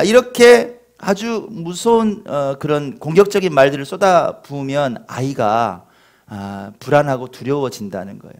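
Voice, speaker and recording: A middle-aged man preaching a sermon as a pastor, with lively questions to the congregation and touches of self-mocking humor. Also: on the high side. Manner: animated, acts out scolding parents in a shouting voice.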